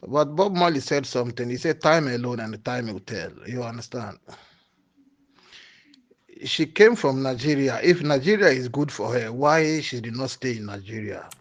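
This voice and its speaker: A man speaking in a recorded voice message, slow and preachy, repeating his points. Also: medium pitch, animated. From Ghana. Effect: recorded voice message played back. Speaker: caller sending a voice note.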